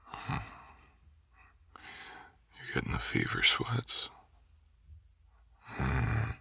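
A man playing a tender, doting boyfriend in a soothing, intimate whispered role-play, with a breathy, gravelly low voice. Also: sharp tone, heavily acted. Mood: drowsy, gentle. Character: tender, doting boyfriend comforting his sick partner. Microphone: close, dry microphone.

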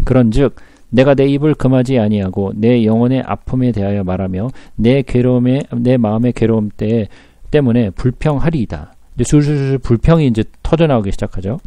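A man reading scripture slowly and then explaining it, checking in with listeners through rhetorical questions. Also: mid-range voice, warm tone, no room sound. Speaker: Bible teacher.

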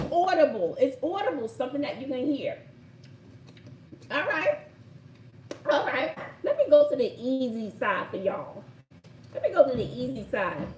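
A woman's voice: sits high, sing-song, measured pace, pauses often, a little mellow, recorded from a distance. A middle-aged woman with a Brooklyn accent hosting a casual live word game, playful and emphatic as she repeats phrases. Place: indoor home room by shuttered window. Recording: roomy echo, faint background noise.

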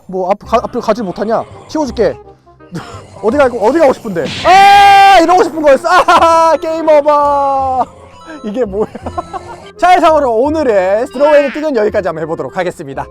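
In a mid-range voice, a YouTuber playing a VR game offers loud, playful, excited commentary, yelling at the characters as the game goes on.

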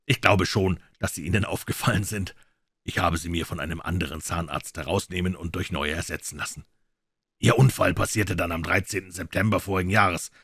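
A man voicing a calm, slightly embarrassed young gentleman in a crime audiobook, explaining himself at length. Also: deep voice, fairly quick, husky, no echo, studio quality, full character voice.

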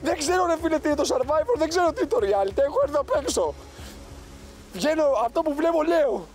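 A young man on a reality show arguing loudly and indignantly with other contestants outdoors. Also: very high voice, lively intonation, faint music behind. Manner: agitated, loud and indignant. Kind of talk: heated argument. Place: outdoors at a camp.

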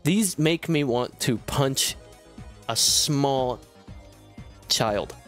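A man's voice: mid-range voice, extremely slow, soft background music. A man streaming a video game live, swearing often and breaking into yelps and laughter as he talks to his viewers. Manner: profane, excitable, bursts into yelps and laughs. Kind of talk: live gaming stream commentary.

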